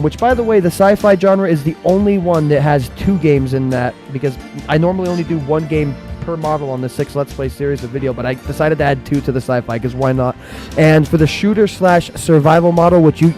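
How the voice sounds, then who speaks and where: Man, mellow tone, says w for r, casual gaming streamer, conversational and rambling, faint music behind. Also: a little high. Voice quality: trouble pronouncing R sounds, says w for r. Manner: rambling and conversational, often checks in with "right?". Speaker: streamer and host of a gaming channel. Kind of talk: casual channel update to viewers.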